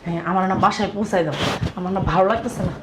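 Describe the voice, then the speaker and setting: A woman's voice: on the low side, very fast, background noise, natural voice. A woman playing an anxious young fiancée who pleads and worries. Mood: pleading. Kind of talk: amateur short-film acting.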